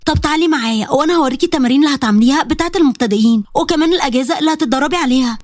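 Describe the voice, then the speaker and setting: A woman's voice: high-pitched, racing, no echo, clean studio sound, lightly acted. A woman voicing a cheerful, encouraging gym-owner friend with an Egyptian accent. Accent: Egyptian Arabic.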